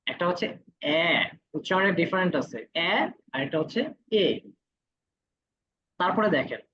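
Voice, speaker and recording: A man's voice: high voice, lively intonation, a bit bright. Patient male teacher, muffled lo-fi audio. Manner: patient, repeats each vowel sound slowly. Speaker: Korean language teacher. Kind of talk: classroom lesson.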